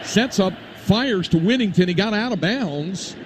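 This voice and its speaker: A man's voice: sits high, animated, unhurried. A man doing live radio play-by-play of a football game in clipped, classic ballgame announcer phrases. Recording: very noisy live outdoor stadium broadcast.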